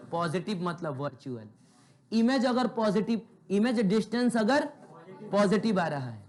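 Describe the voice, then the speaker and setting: A man teaching physics in a classroom, asking the students rhetorical questions and telling chatty ones to be quiet. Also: high-pitched. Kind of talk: classroom lecture.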